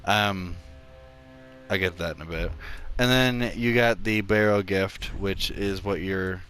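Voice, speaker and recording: A man's voice: low-pitched, fairly even intonation, slow, a bit bright, soft background music. A man casually talking through a video game's character creation, rambling with many fillers and restarts. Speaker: gameplay tutorial narrator. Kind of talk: casual gameplay commentary.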